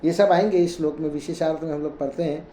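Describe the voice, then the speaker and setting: A man reads scripture aloud, chanting the verses slowly before explaining them in plain, conversational Hindi. His voice sits fairly high yet sounds mellow and relaxed. The room is echoey, with a faint hum behind him. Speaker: Jain scripture reader and teacher.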